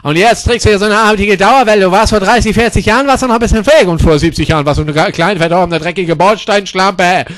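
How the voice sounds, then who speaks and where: A high-pitched man in a crude comedy sketch. He barks abrasive insults and drops English slang between his words. He stretches his catchphrases into long, drawn-out shouts. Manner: repeats catchphrases in a drawn-out yell. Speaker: comedy character performer.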